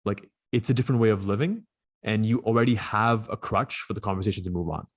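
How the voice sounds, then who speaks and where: A young man from Dubai talks fast and casually as a guest, stringing thoughts together with lots of fillers. His voice sits fairly low. The sound is dry, with no room around it. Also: dry recording. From Dubai, UAE. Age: 20s. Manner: rapid, chatty, frequent fillers. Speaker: podcast guest. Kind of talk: casual interview conversation.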